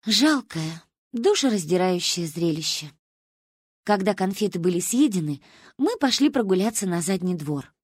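A woman narrating an audiobook in a playful, animated storytelling manner. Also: lowish voice, normal speed, breathy edge, no echo, clean studio sound.

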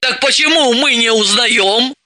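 A man's voice: extremely high pitch, a little slow, bright, forceful tone, dry recording, voice pushed up, heavily acted. A man reading an audiobook, voicing a bossy, sardonic woman psychoanalyst who gives orders and mocks. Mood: mocking.

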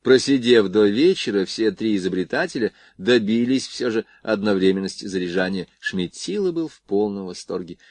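A man narrating a novel as an audiobook, in a measured literary reading. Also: fairly low pitch, animated, a little mellow, no echo. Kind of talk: scripted narration.

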